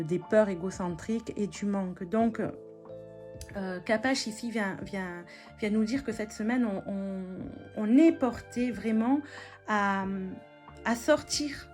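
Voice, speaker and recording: A woman giving a weekly tarot and oracle card reading in a gentle spiritual tone, with many hesitations and restarts. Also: medium pitch.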